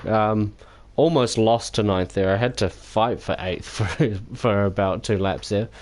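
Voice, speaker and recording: A man's voice: lowish voice, darkish tone. Tired, rambling male sim-racing streamer. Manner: rambling, self-critical, halting with many fillers. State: sore and tired. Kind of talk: casual post-race wrap-up.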